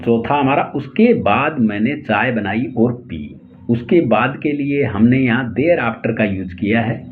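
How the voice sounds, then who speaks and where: A man with an Indian accent teaching English tenses in Hindi, slowly spelling out each example sentence word by word. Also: medium pitch, lively intonation. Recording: tinny phone-like lo-fi audio, faint hiss.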